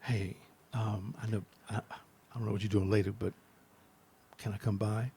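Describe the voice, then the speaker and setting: A hushed, smooth would-be charmer voiced by a man murmurs his late-night invitation. His put-on tone is low-key and deliberately quiet, well below his usual talking level. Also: little pitch movement. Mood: mock seductive. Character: man softly asking someone out, low and smooth.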